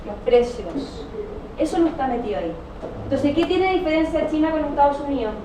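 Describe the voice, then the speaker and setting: Captured by a distant mic in an echoey, noisy classroom, a woman teaching economics lectures didactically and keeps tossing in short tag questions to make sure students follow. Her voice is high-pitched and lively, and she talks a little fast.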